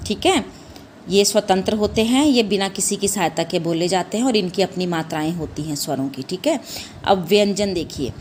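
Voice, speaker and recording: There's a little hiss or hum behind a young woman with a lowish voice who teaches Hindi to primary schoolchildren. She's patient and repetitive, saying "ठीक है" often, calling pupils "बेटा" and "बच्चों," asking them questions in return, and drawing out sounds when she demonstrates.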